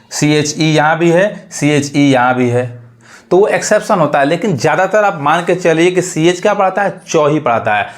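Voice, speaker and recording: A man teaching English pronunciation, who explains step by step and asks and answers his own questions. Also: a little high. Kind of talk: pronunciation lesson.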